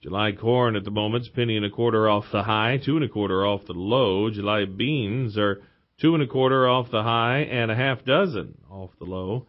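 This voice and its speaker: A man's voice: on the low side, moderate pace, muffled recording. A male farm radio host reading stock and commodity prices in a clipped, rhythmic recital of figures. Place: radio broadcast.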